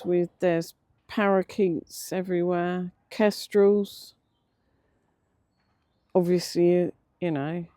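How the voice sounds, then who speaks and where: An older English vlogger talking casually and reflectively outdoors, pausing often, with slightly slurred, toothless-sounding words. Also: mid-range voice, warm tone, dry recording. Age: middle-aged or older. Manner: hesitant, reflective, with many pauses. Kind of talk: casual unscripted vlog narration. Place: outdoors, sitting in a cemetery beside a road.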